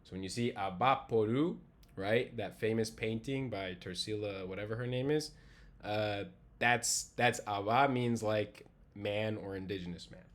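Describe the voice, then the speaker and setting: A man with a fairly low voice teaches a class over a video call. He talks casually and pauses to sound out words slowly for his students. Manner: casual, demonstrates pronunciation by repeating words slowly. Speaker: language teacher. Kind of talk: online class lecture.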